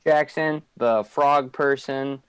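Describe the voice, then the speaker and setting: This tabletop player on a live stream has a slow, smooth, mid-range voice with a steady tone. Still, he stays in character with lots of hesitation, ums, and trailing off.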